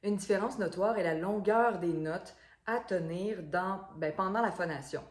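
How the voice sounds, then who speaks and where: A woman's voice: medium pitch, normal speed, reverberant. A woman, a voice coach explaining things in an instructional video, with frequent fillers and repeated words.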